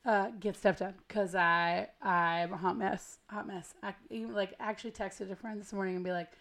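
An American woman hosting a podcast with casual, rambling, slangy chat, her gravelly voice hoarse and smoky from a cold. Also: medium pitch, fairly even intonation, moderate pace, a bit bright. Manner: chatty, rambling, self-deprecating, slangy. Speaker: podcast host. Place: at home.

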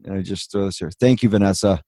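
A man's voice: low voice, fast talker, mellow, no room sound, clean studio sound. A man hosting a live show in casual chat, rambling along with easygoing asides. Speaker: host.

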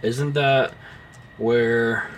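A young man co-hosting a casual film podcast, his speech full of ums, restarts and offhand swearing. His voice sits at an ordinary pitch, with a faint hum of noise behind him. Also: steady tone, very slow. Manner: rambling, many fillers and restarts. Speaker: podcast co-host.

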